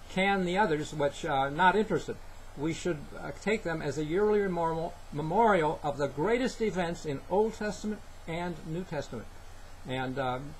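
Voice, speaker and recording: An older man giving an earnest Bible teaching to a webcam in a small room, halting with fillers. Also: on the high side, a little hiss or hum, low-quality recording. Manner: earnest, halting, with many fillers and scripture citations. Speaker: preacher. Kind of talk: sermon-style Bible teaching. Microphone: webcam, head-and-shoulders framing.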